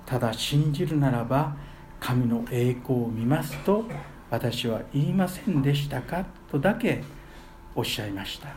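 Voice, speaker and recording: A man preaching a sermon as pastor, earnest, with his voice swelling loudly on key phrases. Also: mid-range voice, slight background noise.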